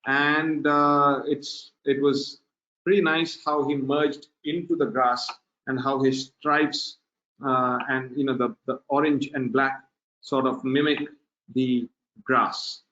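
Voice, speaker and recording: Unhurried man presenting a photography webinar. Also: medium pitch. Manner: relaxed, unhurried, many filler pauses. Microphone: video call. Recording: dull lo-fi webinar audio.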